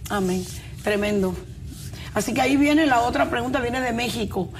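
Older woman from cuba reading listener questions on a faith show, kinda high voice, faint hiss. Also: normal speed. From Cuba, raised in Puerto Rico. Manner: affirming interjections.

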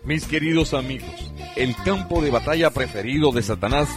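A man narrates Bible stories as a teacher, reading from a script. His medium-pitched voice moves expressively, with music clearly playing underneath. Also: expressive, normal speed.

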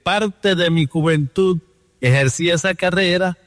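A Dominican man speaks earnestly down a phone line, recounting his past. His voice sits a bit high and carries a long reverb. The close sound is otherwise dry. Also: measured pace. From Dominican Republic. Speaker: guest. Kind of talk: testimony over the phone.

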